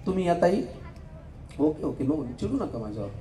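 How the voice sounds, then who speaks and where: A man hosting a live stage game, joking with contestants and counting aloud quickly. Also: fairly high pitch, big pitch swings, mellow, a little hiss or hum. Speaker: game show host. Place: event hall stage. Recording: echoey hall, faint crowd murmur.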